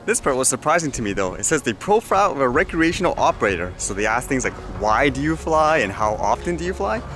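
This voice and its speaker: This man's mid-range voice is sing-song, quick, and fairly bright as he chats informally in a vlog, reading out news items with his own remarks and posing questions to himself and viewers. He's filming with an action camera outdoors in a windy urban spot, and background music is clearly audible.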